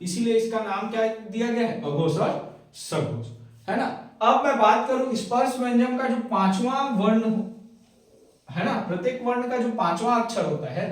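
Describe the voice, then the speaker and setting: A man's voice: extremely high pitch, normal speed. A man teaching a Hindi grammar lesson, spelling out sounds one by one and often checking whether the class has understood. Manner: repeats "clear hai?" and "hai na" often. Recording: very echoey room, voice from a distance.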